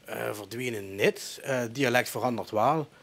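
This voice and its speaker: A man's voice: medium pitch, measured pace, creaky, a bit bright. A man with a Limburg accent from the Kerkrade area, answering in a discussion. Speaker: panelist, carnival club archivist.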